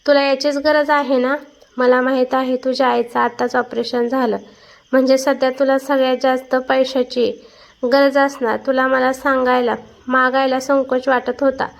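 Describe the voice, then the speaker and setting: A woman reading a story aloud and voicing a calm, firm, kind young woman. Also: high voice, moderate pace, gravelly. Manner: calm, then sharp.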